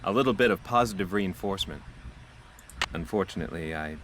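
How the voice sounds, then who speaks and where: A man's voice: deep voice, a little fast, background noise, close to an everyday voice. An actor voicing a dutiful, politely formal male park ranger in a video game. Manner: polite, formal, slightly self-important.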